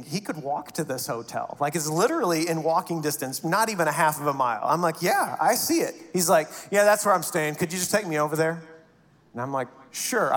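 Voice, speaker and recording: Animated preacher in a reverberant hall. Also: male voice, fairly high pitch. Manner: animated storyteller acting out quoted voices. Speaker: pastor. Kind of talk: sermon storytelling.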